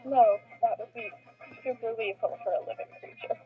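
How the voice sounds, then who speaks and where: A woman's voice: fairly high pitch, normal speed, lightly acted. A woman playing a blunt, caring, exasperated young woman in a video game. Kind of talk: reading a video game role aloud. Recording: thin phone-like audio, music behind.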